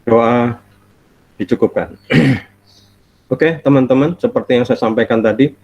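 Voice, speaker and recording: His voice is mid-range and darkish, the recording dry, as this middle-aged man delivers a casual, friendly university lecture online from his home. A cold makes him sound stuffy and nasal, and he laughs often while drawing out filler sounds. The online call audio is dull and lo-fi.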